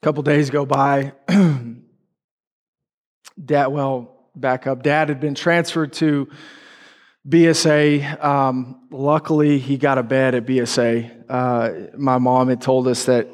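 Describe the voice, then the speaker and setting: A man preaching a sermon, telling a personal story candidly and emotionally. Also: medium pitch.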